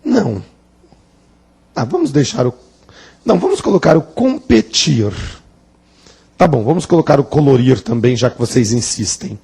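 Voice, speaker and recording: A man's voice: mid-range voice, big pitch swings, normal speed, vocal fry, pauses often, warm tone, husky. A man teaching a grammar lesson at a classroom blackboard, playful, asking the class questions and drawing out words for emphasis. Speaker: Portuguese teacher.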